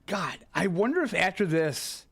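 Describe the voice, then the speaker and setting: A man's voice: sits high, big pitch swings, moderate pace, creaky, fairly bright tone, husky. A young man casually commenting on his own live gameplay, muttering asides as he plays. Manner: laid-back, muttering asides. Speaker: streamer.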